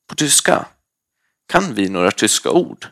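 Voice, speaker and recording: A man reading aloud voices a wary, blunt schoolboy who talks hushed and quick. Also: lowish voice, big pitch swings. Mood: curious.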